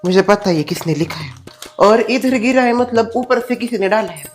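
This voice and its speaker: A man's voice: sits high, moderate pace, soft background music, natural voice. A man playing a gossipy complaining housewife. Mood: accusing. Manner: chatty, complaining, accusing. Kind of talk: comedy sketch acting.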